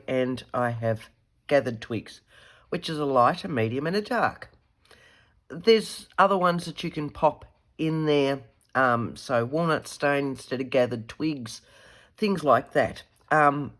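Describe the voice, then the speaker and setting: An Australian craft tutorial host demonstrates a craft at her desk, chatting casually, thinking aloud, and correcting her own words. Her low voice is croaky from a head cold.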